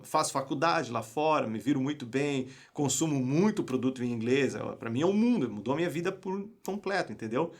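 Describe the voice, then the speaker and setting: Teaching English live online, this young Brazilian coach speaks emphatically and keeps throwing rhetorical questions at his audience. His voice is a little high.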